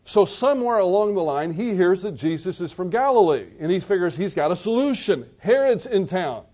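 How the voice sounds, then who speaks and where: Male preacher, high voice, vivid storyteller delivering a sermon. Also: big pitch swings, brisk, dark tone. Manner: vivid storytelling, retelling scenes.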